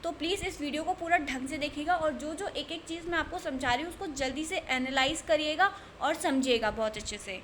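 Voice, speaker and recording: A woman's voice: high-pitched, fairly quick, few pauses, a bit bright, slight background noise. A woman tutoring nursing exam candidates, speaking earnestly and repeating her points to urge them on. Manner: earnest, repetitive, urging. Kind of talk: exam-prep lesson talk.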